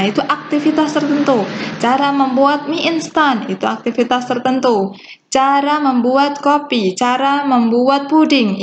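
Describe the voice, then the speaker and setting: A woman teacher giving a recorded lesson, explaining step by step with slow, deliberate delivery and small fillers. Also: sits high. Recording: dull lo-fi recording with faint hiss.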